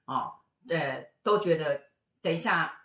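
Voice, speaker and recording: Low-voiced woman telling a ghost story. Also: takes it slowly. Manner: lively, acts out the voices of people in her stories. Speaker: fortune teller and show co-host. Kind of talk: casual storytelling chat. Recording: echoey room.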